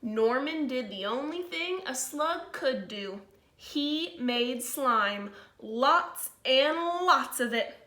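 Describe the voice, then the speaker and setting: A woman teacher reading a picture book to children in a slow, expressive way, with informal asides to her pupils. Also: sits high. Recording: roomy, echoey sound.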